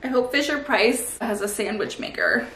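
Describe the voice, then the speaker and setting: A woman's voice: fairly high pitch, moderate pace, fairly bright tone. A woman in her thirties giving casual, rambling comedic commentary as a host, sardonic and sweary. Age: 30s. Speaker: host reacting to old toy commercials. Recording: roomy echo, faint background noise.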